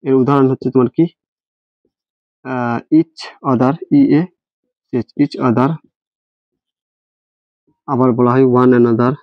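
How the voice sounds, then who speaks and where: A man's voice: mid-range voice, level tone, slow, long pauses, dry recording. A man teaching an English grammar lesson, spelling words letter by letter and asking his students rhetorical questions. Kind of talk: classroom-style grammar lesson. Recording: dry, dull lo-fi recording.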